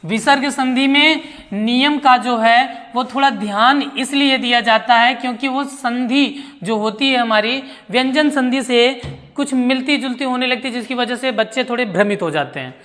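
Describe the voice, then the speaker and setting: A woman teaching a Hindi grammar lesson who asks her pupils rhetorical questions, answers them herself, and repeats key words slowly. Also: fairly high pitch, fairly bright tone, in a large hall. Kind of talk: classroom-style grammar lesson.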